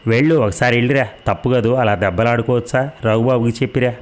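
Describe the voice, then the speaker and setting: A man voicing a modest, practical middle-aged village mother who scolds gently, in a storybook reading. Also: medium pitch, fast talker, natural voice. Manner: cautious, scolding.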